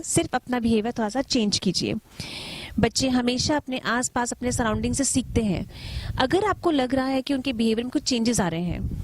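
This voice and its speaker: A woman in her thirties giving parenting advice in a calm, patient lesson, asking the listener questions and mixing in English words. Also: fairly high pitch, a little hiss or hum. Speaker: kindergarten teacher giving parenting tips. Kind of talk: talk-to-camera parenting lesson.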